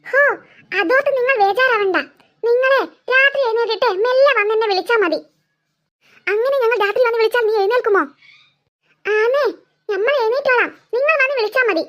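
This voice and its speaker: A blundering cartoon boy stammers and blurts things out. His voice is very high and bright. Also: a little fast, long pauses. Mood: blurting. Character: blundering, blunt-spoken little boy.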